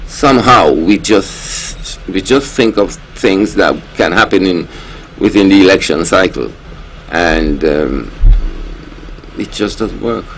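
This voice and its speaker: A low-voiced man with a Kittitian-Nevisian accent holds forth on a talk panel. His voice is gravelly and he repeats words to press his point, sounding earnest and emphatic. There is faint noise behind him. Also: lively intonation, slow pace. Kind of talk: impassioned panel discussion.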